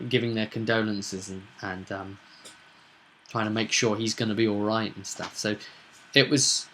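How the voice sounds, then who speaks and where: This game master's voice sits on the low side with a fairly bright tone as he gives a casual rundown of a tabletop roleplay session. He narrates haltingly and with emphasis, leaning on dramatic pauses.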